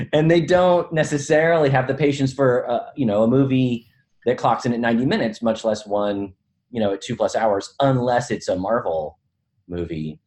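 Middle-aged man, film teacher, reflective, self-deprecating, hedging, casual podcast chat, mid-pitched voice. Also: moderate pace, darkish tone.

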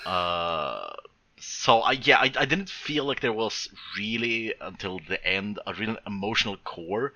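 A man's voice: fairly low pitch, animated, unhurried, sharp tone. A man co-hosting a podcast in a casual, hesitant way, often restarting and breaking up his sentences. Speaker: podcast co-host. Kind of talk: casual film discussion.

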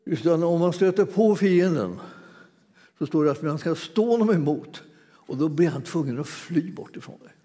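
A man's voice: fairly high pitch, lively intonation, mellow. Laughing preacher man in a reverberant hall. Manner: chatty, laughing storyteller with many restarts. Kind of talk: sermon.

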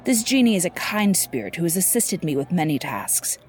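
A woman voicing a calm, persuasive male sorcerer in a measured, courteous storybook reading. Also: lowish voice, soft background music.

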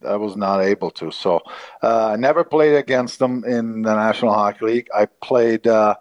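Man, czech accent, guest answering questions, low-pitched, dry close sound, halting. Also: no room sound, lo-fi sound. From Czech Republic. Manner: halting, many fillers and restarts. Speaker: former hockey player, guest. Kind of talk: interview answers.

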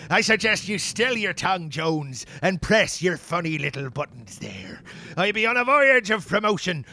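Man doing a boastful pirate captain, high voice, bright edge, blustering pirate slang, crude insults. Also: vocal fry, heavily acted. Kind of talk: comedy skit acting.

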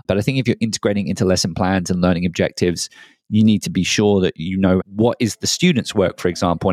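A man's voice: low-pitched, darkish tone, dry recording, studio quality. A man co-hosting an education podcast, reflecting aloud in a thoughtful, conversational way. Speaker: podcast co-host.

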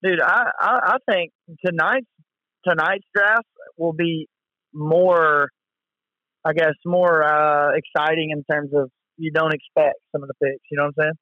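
A man's voice: fairly high pitch, steady tone, a little slow, dry recording, phone-quality sound. A man chatting casually about sports as a co-host, enthusiastic and full of bro-ish slang, often repeating himself. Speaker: co-host of a sports talk show.

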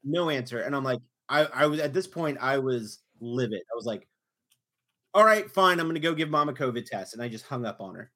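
A man hosting a podcast, telling a story with animated, exasperated retelling in casual chat. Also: medium pitch, fast, few pauses. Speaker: podcast host.

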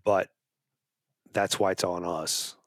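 A man's voice: low-pitched, fairly even intonation, takes it slowly, no echo, studio quality. A man being interviewed as a wildlife advocacy guest, talking in an earnest, persuasive way and often restarting his phrases. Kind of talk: casual interview talk.

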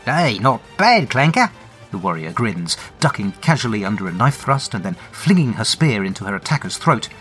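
Man narrating a lively solo tabletop game. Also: on the low side, fairly quick, hardly any pauses, soft background music. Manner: wry, dramatic storytelling.

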